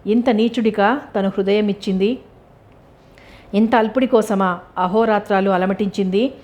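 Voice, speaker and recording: A woman reading a novel aloud in a steady, expressive storybook narration. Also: medium pitch, normal speed. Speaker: novel reader.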